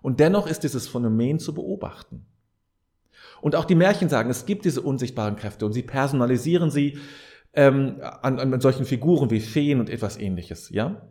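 A man with a warm, animated, medium-pitched voice speaks at normal speed. Hosting a podcast, he gives reflective advice directly to the listener in an earnest, preacher-like monologue, repeating key phrases to stress them.

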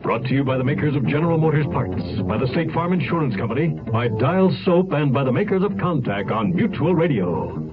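A man's voice: on the high side, big pitch swings, a little fast, phone-quality sound. A man reading sponsor credits in the style of an old radio announcer, over music on a vintage broadcast. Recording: band-limited vintage radio, loud music.

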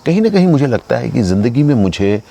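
A man in his fifties hosts a thoughtful, musing conversation outdoors in green surroundings, mixing in English phrases. His voice is medium-pitched and warm with a sing-song lilt and vocal fry, and he talks fast. Music plays behind the talk.

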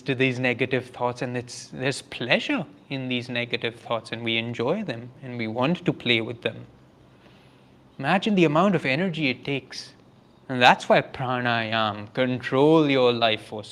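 A man giving a spiritual yoga lecture, earnest and often laughing, dropping to a soft hush for emphasis. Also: medium pitch. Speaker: yoga teacher.

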